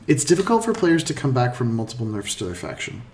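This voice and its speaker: A man co-hosting a casual game discussion, talking in a measured way and thinking aloud with frequent pauses and "um"s. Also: mid-range voice, very animated, darkish tone, reverberant. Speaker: podcast guest co-host. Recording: distant mic with faint noise.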